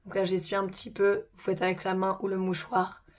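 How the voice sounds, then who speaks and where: Hoarse, chatty woman vlogger. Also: medium pitch, monotone, a little fast. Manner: chatty, informal, slangy. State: hoarse from a sore throat. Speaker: makeup tutorial host. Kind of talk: casual makeup tutorial vlog.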